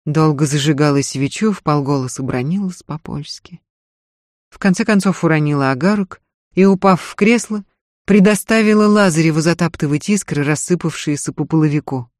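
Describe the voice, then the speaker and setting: A man reading a novel aloud in measured, even narration. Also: on the high side, no echo, clean studio sound. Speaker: audiobook narrator.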